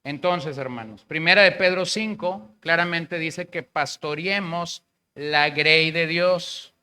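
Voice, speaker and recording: Bright, clear-voiced Mexican pastor preaching. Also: male voice, a little high, slow. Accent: Mexican Spanish. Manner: conversational preaching, acts out callers' quotes. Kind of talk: sermon.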